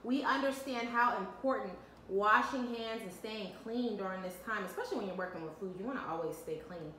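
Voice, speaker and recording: A mother in her thirties leads her kids through a home cooking demo, coaching them upbeat and step by step in a medium-pitched, bright, forceful voice at a slightly fast pace. A camera mic a few feet away picks her up in an echoey kitchen with faint background noise.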